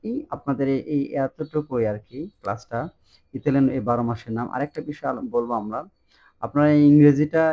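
A man teaching an online language lesson in a loose, informal way, with many fillers and slow repeated words. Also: medium pitch, darkish tone, muffled recording.

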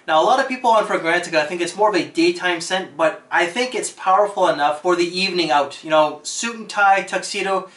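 An enthusiastic man talks through his favorite fragrances in a relaxed, chatty vlog. His voice sits high and sounds bright. The room around him rings with noticeable echo. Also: a little fast, hardly any pauses. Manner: enthusiastic, chatty, lots of fillers. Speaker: fragrance reviewer. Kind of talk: casual video review.

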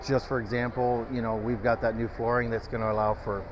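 Male sales guest, measured, lots of um and uh, slightly muffled lapel mic with expo noise. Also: medium pitch, flat delivery. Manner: halting, many fillers, measured. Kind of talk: casual trade-show interview. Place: open-sided tent at an outdoor expo. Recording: slightly dull, noisy outdoor expo.

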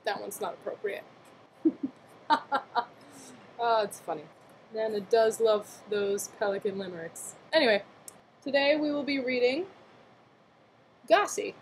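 Reading a picture book aloud to young relatives, this young adult aunt speaks in a fairly high voice, a little slowly and with long pauses, mixing in playful questions and exclamations. Her arm's-length computer webcam mic gives poor audio with slight background noise.

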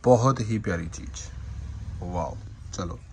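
A man gives informal, effusive shop sales patter, dramatic and full of drawn-out exclamations. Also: low-pitched. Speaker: shop seller presenting suit fabrics. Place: indoor fabric shop with tiled floor. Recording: clearly noisy shop-floor phone recording.

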